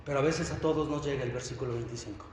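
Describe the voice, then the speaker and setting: A man preaching a sermon as pastor, telling a Bible story with lively acted-out dialogue. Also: mid-range voice, rapid-fire, a little hiss or hum. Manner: dramatic storytelling, acting out dialogue. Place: church hall. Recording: echoey church hall, faint ambience.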